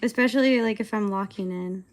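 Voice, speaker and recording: A woman's voice: medium pitch, a little fast, soft background music. A woman in her twenties chatting casually on a livestream while she animates, rambling and hesitant, with lots of filler words. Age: 20s. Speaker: streamer and animator.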